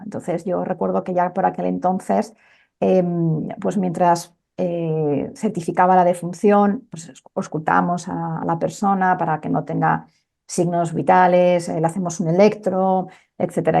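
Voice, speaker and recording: A woman doctor recounts a memory from her work in an interview. Her voice is gravelly and mellow, and she speaks conversationally with frequent fillers. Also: on the low side. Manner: conversational storytelling with many fillers. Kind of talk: telling a personal story in an interview.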